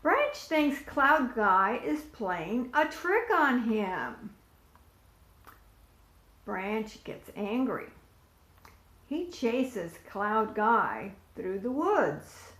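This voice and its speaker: A volunteer storyteller, a woman, reads a picture book aloud to preschoolers, asking them questions and pointing out the pictures. Her fairly bright voice is a little high, with big pitch swings, drawn-out words, and frequent pauses. The room is echoey.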